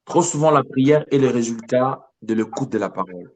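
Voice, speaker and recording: A man's voice: medium pitch, expressive, normal speed, darkish tone, a little hiss or hum. A man speaking as a pastor, giving declarative prayers and instructive counsel.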